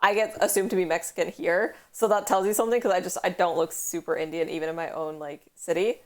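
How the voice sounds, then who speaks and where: A young West Coast Canadian woman talks quickly in a lowish, slightly mellow voice with fairly even intonation. It's a casual stream chat full of rambling stories and frequent "like," captured on a headphone mic.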